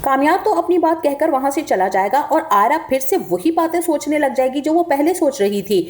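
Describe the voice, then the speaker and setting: A woman with a high voice narrates a drama review. She tells the coming plot steadily, like a prepared script, and repeats what the characters will say in the same plain tone without acting them out. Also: expressive, brisk, a little mellow.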